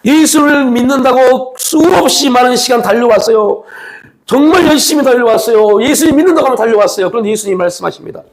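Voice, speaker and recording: A man preaching a sermon as a pastor, moving between raised, pressing appeals and low, hushed lines. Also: fast. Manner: acts out quoted speech of Jesus and the young man.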